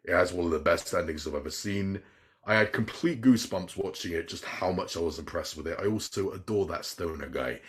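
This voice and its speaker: Brief: deep-voiced man, podcast host, excitable and rambling, swears often. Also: a little fast. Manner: enthusiastic, rambling, swears a lot. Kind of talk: casual chat.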